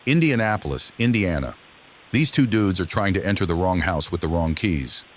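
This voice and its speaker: Male narrator, very low register, delivering scripted video voice-over. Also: lively intonation, moderate pace, slight background noise.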